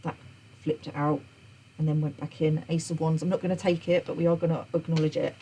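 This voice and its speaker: A woman's voice: low-pitched, level tone, brisk, warm tone, breathy edge, poor audio. A woman gives an unscripted tarot reading. She talks earnestly, often repeats and restarts her phrases, and checks in with "okay?". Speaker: tarot reader.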